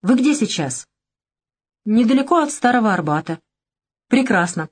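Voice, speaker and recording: Brief: female reader voicing a bright, quick-witted young woman, teasing and direct, pitched up. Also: big pitch swings. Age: young adult. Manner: brisk, teasing, bright lilt. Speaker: audiobook character. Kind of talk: audiobook dialogue reading.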